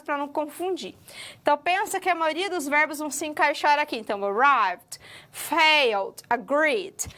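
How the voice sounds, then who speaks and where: A woman's voice: sits high, a bit bright. A woman teacher giving a recorded lecture, explaining patiently, stretching words and often checking understanding. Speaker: English teacher.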